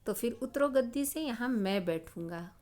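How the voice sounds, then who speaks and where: A woman's voice: on the high side, lively intonation, moderate pace, a little mellow, pitched above the performer's own voice, lightly acted. A woman voicing a mischievous, boastful little male mouse in a children's story, with cheeky demands and a sing-song chant.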